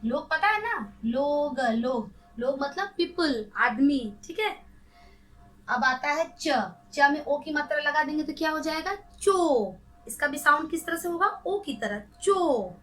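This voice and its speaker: High, bright-voiced woman teaching phonics. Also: expressive. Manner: patient, repeats each sound slowly and asks the children questions. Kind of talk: children's Hindi phonics lesson.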